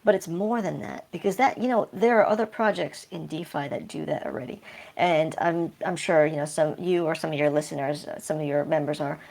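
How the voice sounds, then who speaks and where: A man speaking through a voice changer that pitches his voice deep, answering interview questions casually and hesitantly with many fillers. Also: brisk, gravelly, a little mellow. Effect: voice changer, pitch shifted deep. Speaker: project developer guest.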